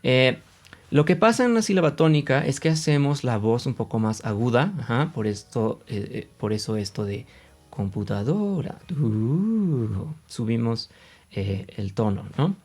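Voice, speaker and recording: Man, Mexican accent, language teacher, chatty explaining, mid-pitched voice, sounds out examples. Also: animated, normal speed, a little mellow. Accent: Mexican Spanish. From central Mexico. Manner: conversational, many fillers, demonstrates sounds aloud. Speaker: Japanese teacher. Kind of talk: casual explanatory video lesson.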